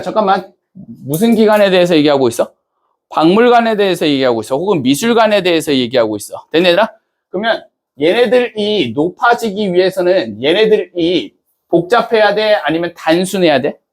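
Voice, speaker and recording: High-voiced man teaching a class. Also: expressive, normal speed. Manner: constantly checks in with students, asking questions; casual banter-style speech to students. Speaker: English teacher. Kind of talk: classroom lecture.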